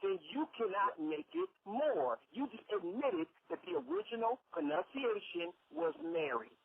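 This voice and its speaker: A man's voice: high-pitched, big pitch swings, moderate pace, slightly rough, no echo. A man on a call-in radio debate, blunt and challenging, demanding answers. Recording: dry tinny phone line.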